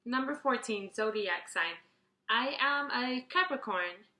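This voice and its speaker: A woman's voice: fairly high pitch, expressive, takes it slowly, roomy sound. A 21-year-old woman chatting casually through a question tag video, reading each question out and rambling through her answers. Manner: chatty, rambling, restarts and fillers, reads questions out brightly. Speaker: beauty vlogger.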